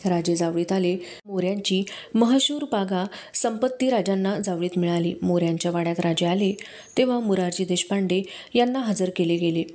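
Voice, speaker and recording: A woman reading a historical novel aloud as steady, scripted narration. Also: fairly low pitch, normal speed. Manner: steady storytelling. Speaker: audiobook reader.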